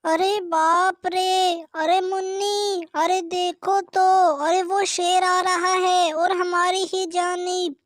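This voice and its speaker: A woman doing shrill young village girls. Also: level tone, slow pace, a bit bright, dry recording, studio quality, heavily acted. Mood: panicked. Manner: exclaims often, shrill.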